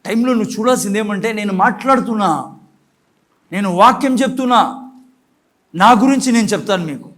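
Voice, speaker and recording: High-voiced preaching man. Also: a little fast, long pauses. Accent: Telugu. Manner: preaching with rhetorical questions and sudden emphatic shouts; mixes English phrases into his preaching. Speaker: pastor. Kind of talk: sermon. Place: church.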